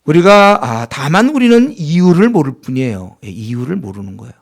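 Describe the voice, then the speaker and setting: A man's voice: a little high, big pitch swings, fairly quick, creaky. A man preaching a sermon as pastor, in a conversational style that acts out complaining believers in a raised voice.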